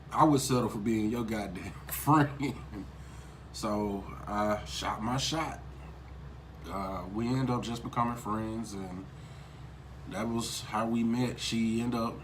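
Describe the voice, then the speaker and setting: Man, 20s, lowish voice, laid-back joking storyteller, hissy recording. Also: fairly bright tone. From Memphis, USA. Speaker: vlogger's husband. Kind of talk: casual storytelling. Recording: noticeable background hiss.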